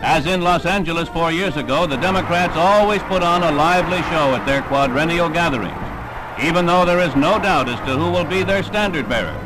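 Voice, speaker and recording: Male narrator for a vintage 1960s newsreel, formal announcer read with a slightly raised pitch, recorded over loud music. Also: low-quality recording.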